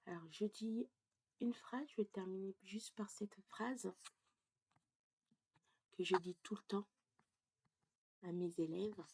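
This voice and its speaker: A woman teaches French pronunciation in a slow, deliberate way, checking in often with her students. Her voice is gravelly and husky, and she slips into a breathy half-whisper now and then. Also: mid-range voice, mellow. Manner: explains step by step, checks in with "ok?". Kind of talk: casual lesson.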